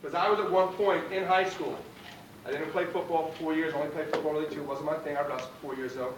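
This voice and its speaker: A man's voice: on the high side, fairly even intonation, quick pace. A man gives a pre-game pep speech as a guest motivator, emphatic and rallying, punching out short phrases. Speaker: guest motivational speaker, fight trainer. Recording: roomy, distant mic, clear background noise.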